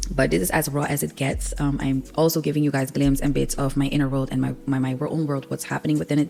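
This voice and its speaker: A young woman with a low, darkish voice and vocal fry hosts a personal spiritual podcast, speaking with a Surinamese accent; Sranan Tongo is her first language. She sounds sniffly from a cold and talks in an earnest, raw, confessional way, with plenty of ums.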